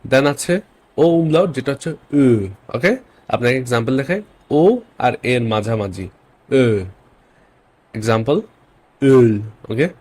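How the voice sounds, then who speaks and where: A man at a middle pitch teaches a beginner lesson. He says every example word slowly and twice, then checks in with a quick "okay?" before he moves on. His delivery is patient and steady. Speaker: German language teacher. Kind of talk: language lesson in Bengali.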